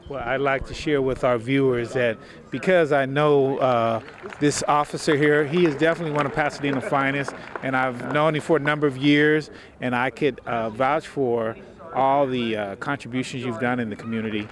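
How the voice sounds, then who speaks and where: A man hosts a community cable show at an outdoor city event, his voice sitting at an ordinary pitch. He talks earnestly and at length, thanking guests and praising the community. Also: steady tone, moderate pace, a crowd in the background.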